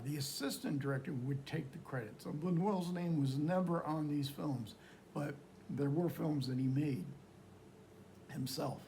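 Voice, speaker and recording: Male film lecturer, mid-range voice, informal and halting storytelling, light noise behind him. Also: medium pitch, mellow. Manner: halting, searching delivery with repeated phrases. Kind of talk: informal film talk recounting history and plot.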